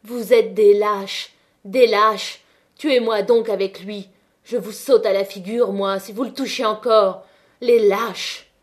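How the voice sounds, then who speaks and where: A woman reading aloud voices a young miner woman shouting accusations at a crowd, shrill and indignant. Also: fairly even intonation, takes it slowly, lightly acted. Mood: defiant.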